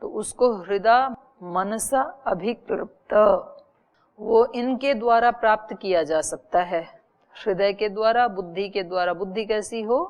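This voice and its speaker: A woman spiritual teacher gives a discourse on an Upanishad. She explains slowly and patiently, using everyday examples. She keeps asking rhetorical questions and then answers them herself. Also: mid-range voice, a little mellow.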